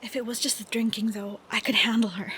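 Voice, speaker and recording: A young adult woman with a fairly high voice plays an affectionate but troubled college-age best friend in an intimate audio roleplay. She sounds upset and weary, speaking softly, hesitantly and slowly with sighs, over a steady background of rain.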